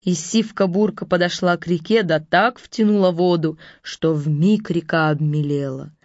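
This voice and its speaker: A woman narrating a fairy tale in a lively storytelling manner. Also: on the low side, measured pace, no room sound. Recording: dull lo-fi recording.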